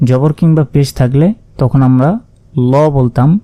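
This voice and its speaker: A man teaching Quran reading, spelling out Arabic syllables patiently and chanting each word slowly. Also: mid-range voice, fairly even intonation, warm tone, dry recording. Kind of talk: spelling out Arabic letter by letter, slow recitation lesson.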